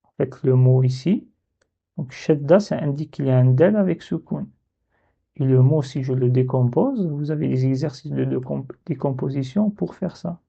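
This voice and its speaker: A man teaching Arabic letter reading in a slow step-by-step lesson, patiently spelling out syllables and repeating them. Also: mid-range voice, creaky, warm tone, breathy edge, highs cut off.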